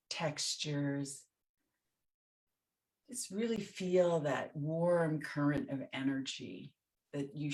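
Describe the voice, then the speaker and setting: Leading a meditation very slowly, a low-voiced woman speaks gently and soothingly. She moves listeners through each step like a teacher, her short phrases separated by pauses.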